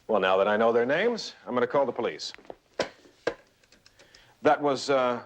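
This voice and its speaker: An actor playing a smooth, evasive husband with a secret in a television crime drama. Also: male voice, medium pitch, lively intonation, moderate pace, a little hiss or hum, lightly acted. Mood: guarded, composed.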